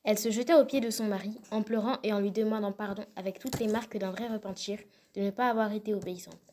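A woman reading a classic fairy tale aloud in a measured, expressive storytelling manner. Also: mid-range voice, slight background noise. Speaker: narrator.

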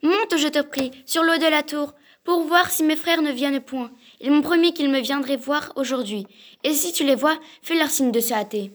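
A frightened young wife who pleads for her life and calls out anxiously, as a woman reads her. The voice sits high and bright, in a storybook reading. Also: normal speed, close to an everyday voice. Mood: urgent. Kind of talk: storybook reading of a classic tale.

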